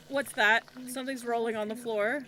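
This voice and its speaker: Over a clearly noisy background, a woman with a mid-pitched voice streams a game. She reads on-screen text aloud and reacts expressively in her own blunt, sweary commentary. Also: sharp tone.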